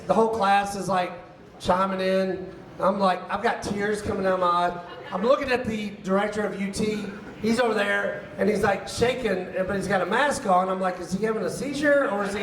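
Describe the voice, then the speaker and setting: A man hosting a live comedy show, telling an animated stand-up story and acting out the people in it. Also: sits high, normal speed, crowd noise. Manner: animated, acts out quoted voices. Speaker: comedy teacher and show host. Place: live venue with audience. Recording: roomy live venue, somewhat distant mic, faint ambience.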